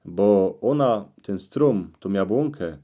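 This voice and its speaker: A man with a Cieszyn Silesian accent presenting a reflective, folksy monologue in regional dialect, told in a measured storytelling way. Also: lowish voice, animated, muffled recording. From Cieszyn Silesia, Poland. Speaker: YouTube channel presenter.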